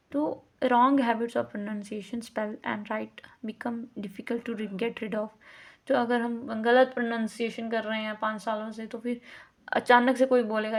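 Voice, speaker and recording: A woman teaching a course on language learning. She reads English lines slowly and then explains them in casual Hindi. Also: a little high. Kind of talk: classroom lecture on language teaching.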